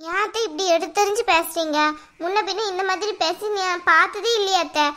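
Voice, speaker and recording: A woman voicing a meek, very high, bright daughter-in-law. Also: brisk. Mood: pleading. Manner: pleading, tearful. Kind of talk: cartoon voice acting.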